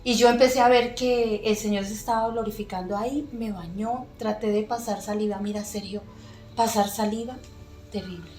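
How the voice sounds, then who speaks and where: A middle-aged woman giving an earnest, emotional personal faith testimony as a podcast guest, pausing often with soft fillers. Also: a little high. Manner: earnest, emotional storytelling with many pauses and fillers. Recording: echoey room with faint music.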